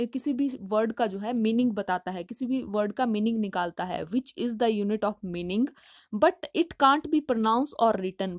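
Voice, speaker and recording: A woman explaining a study topic in a patient, step-by-step way, reading English lines slowly before explaining them. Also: fairly high pitch, darkish tone, no room sound, clean studio sound. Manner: explanatory, patient, with frequent filler phrases. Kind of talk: study lesson in Hindi mixed with English.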